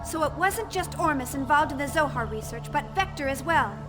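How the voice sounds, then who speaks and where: Defiant captive heroine, game drama: high, stubborn, indignant delivery, music clearly behind. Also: female voice, lively intonation, fairly quick. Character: defiant, spirited young female captive. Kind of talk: dramatic game cutscene acting.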